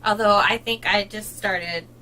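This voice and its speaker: A woman's voice: medium pitch, steady tone, unhurried, sharp tone, slight background noise, rough recording. A woman co-hosting a casual home video, chatty and giggly, often laughing between thoughts. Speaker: co-host of a book channel. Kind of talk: casual chat.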